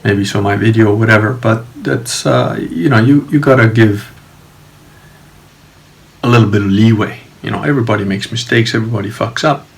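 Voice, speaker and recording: A middle-aged man talking in a casual, halting video diary, reflective and informal as he rambles. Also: on the low side, vocal fry. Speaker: video diarist.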